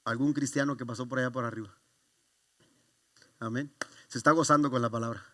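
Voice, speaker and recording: A man's voice: mid-range voice, fairly even intonation, fairly quick, pushed and bright, no echo. A man, preaching a sermon in church and telling a personal story with many restarts and fervent exclamations. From Mexico. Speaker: pastor.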